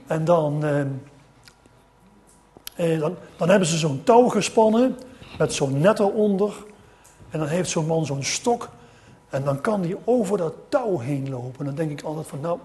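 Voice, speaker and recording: A middle-aged male preacher with a fairly high voice tells a parable to his congregation. His delivery builds in loudness at the key moments and falls back into a quieter, reflective tone, with hesitations and restarts along the way. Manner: storytelling, with many restarts and rising emphasis. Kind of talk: sermon.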